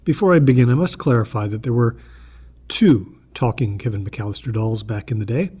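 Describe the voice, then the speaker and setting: A man with a medium-pitched, mellow, slightly husky voice reads a scripted first-person horror story. His delivery is deliberate and earnest.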